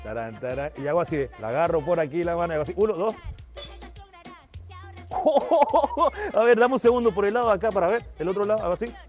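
A man with a Panamanian Spanish accent hosts a children's magic show, his voice sitting high for a man. He talks in a showy, playful patter and keeps calling for applause. Faint music plays under him. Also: lively intonation, brisk, darkish tone. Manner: showy, playful, cheering on the audience. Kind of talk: live-streamed kids' magic show.

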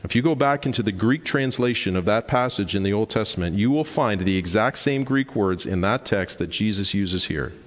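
Speaking at normal speed with hardly a pause, a male pastor from Canada, in his 40s, gives an emphatic sermon. He lifts his pitch for emphasis while the sanctuary's long reverb fills the recording.

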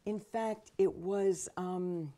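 Woman, 60s, minister as interview guest; measured and deliberate, fond of lists; lowish, warm tone; lapel mic in a studio. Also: fairly even intonation. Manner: measured, slows for emphasis, builds lists. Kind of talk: reflective interview answers. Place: dark studio set, seated.

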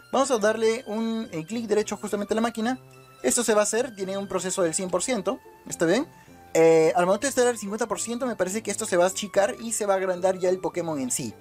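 Young man, peruvian accent, high-pitched, casual game tutorial chatter, faint music behind. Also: a little mellow. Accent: Peruvian Spanish. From Peru. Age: 20s. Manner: chatty, keeps asking "¿está bien?" and "¿no?". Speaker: gaming YouTuber. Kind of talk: casual gameplay tutorial commentary.

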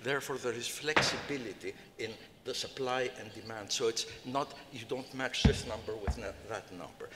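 A man's voice: mid-range voice, normal speed, few pauses. An older man speaking as a conference panelist, rambling with many fillers and restarts, into a table mic in a large hall. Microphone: table microphone. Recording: reverberant hall, faint noise.

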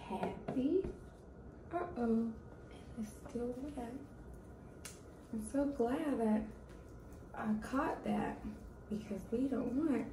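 A woman's voice: a little high, dark tone, a little hiss or hum. A young woman leading a preschool circle time in a sing-song, encouraging kindergarten teacher voice, addressing small children. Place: small classroom-like room indoors. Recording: echoey room, distant microphone.

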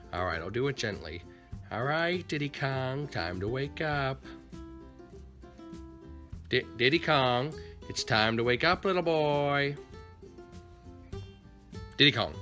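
A man's voice: medium pitch, pushed and bright. A man voicing a well-meaning, stammering police officer turned bodyguard in an amateur plush-toy puppet skit. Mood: gentle, coaxing. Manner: stammering, exasperated.

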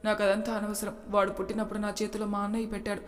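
A fiercely protective young mother who speaks bitterly and refuses to give way, as a woman storyteller reads her. Her lines come out level and flat, carrying a long reverb. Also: medium pitch, very fast, lightly acted. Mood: defiant. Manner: bitter, defiant.

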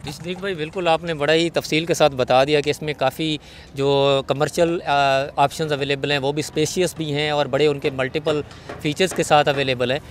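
A man's voice: a little high, steady tone, a little fast, slight background noise. A man with a Pakistani Urdu accent hosting a property show, polite, asking questions and adding short agreements, recorded outdoors on a lapel mic. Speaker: host.

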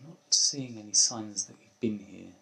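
A man's voice: on the low side, normal speed, vocal fry, heavy background noise. A young man streaming a video game as a hunter, chatting casually and muttering wryly to himself as he plays. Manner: wry, muttering to himself while playing. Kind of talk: casual gaming chat.

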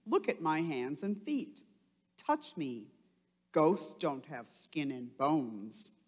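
Brief: gentle, unhurried storybook Jesus, a woman reading the part; low, slow voice, echoing hall sound. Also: big pitch swings, full character voice. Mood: calm. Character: calm, patient risen Jesus, adult man. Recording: long hall reverb.

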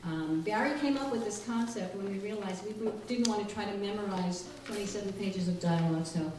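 Brisk and medium-pitched, a middle-aged library director hosting a show greets her live audience with hesitant, wry humor. The setting is a small library room indoors, recorded with a distant mic amid strong echo and a bit of noise.

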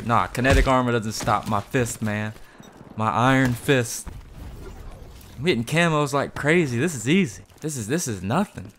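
A young man casually commentating his own gameplay, excitable and given to sudden yelling at teammates. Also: lowish voice, a little hiss or hum. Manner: excitable, yells at teammates and shouts in bursts. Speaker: gaming YouTuber.

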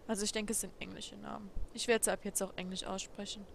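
A woman commenting casually on a game she plays, quietly musing aloud and asking herself questions. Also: medium pitch, level tone, quick pace, creaky. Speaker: let's play host. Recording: audible background noise.

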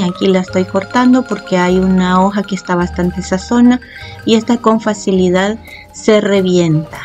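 Calm woman narrating a home cooking tutorial. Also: mid-range voice. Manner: calm, explanatory, uses loving diminutives. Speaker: cooking channel host. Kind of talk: step-by-step cooking tutorial voice-over. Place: home kitchen.

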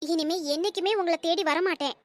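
A woman voicing a cold, defiant young wife in an animated cartoon, speaking in sharp, cutting retorts. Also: extremely high pitch, fairly quick, no room sound. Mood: angry, scornful.

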